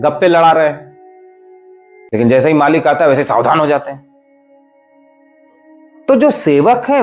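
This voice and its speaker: Male guru giving a talk, kinda high voice, super animated, punches the big words. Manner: emphatic, explanatory, rises and falls sharply for stress. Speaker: spiritual teacher. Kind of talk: devotional discourse.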